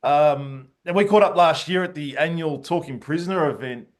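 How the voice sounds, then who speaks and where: A man hosts an interview podcast, reading a scripted introduction before moving on to friendly, eager questions. He sounds enthusiastic, with a fairly high voice at a moderate pace.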